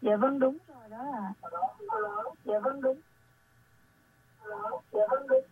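A woman's voice sits high and a little husky, drifting back a beat late as an echo of her own words. It comes through a tinny, phone-thin line with radio feedback. Her phrasing stays formal and polite. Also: wildly swooping pitch, slow pace. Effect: delayed echo of her own words coming back through a caller's phone and radio. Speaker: radio call-in host. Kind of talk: call-in radio show.

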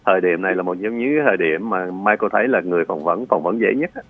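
A man, an immigration lawyer, giving patient advice on a radio call-in show, pausing often with fillers as he explains. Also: low-pitched. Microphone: phone line. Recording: tinny phone line, dry.

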